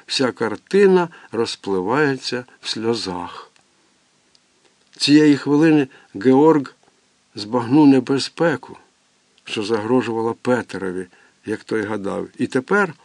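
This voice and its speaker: A man reads a literary novel aloud in a measured, expressive way. His voice sits at an ordinary middle pitch. The recording is dry and close, with no room sound. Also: dry recording. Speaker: audiobook narrator. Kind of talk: literary audiobook narration.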